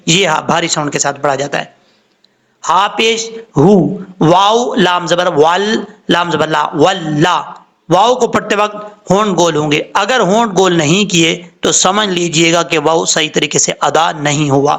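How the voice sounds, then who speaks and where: A man leads a Quran recitation lesson in a high, bright voice. He explains patiently and spells out the letters one by one. He stretches his chanted examples out slowly. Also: vocal fry. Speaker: Quran tajweed teacher.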